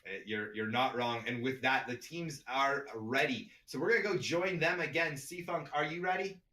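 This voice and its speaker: A man with a Canadian accent calling an online esports match as caster, chatty and upbeat, laughing often and getting excited on big plays. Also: medium pitch, moderate pace. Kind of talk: play-by-play esports commentary.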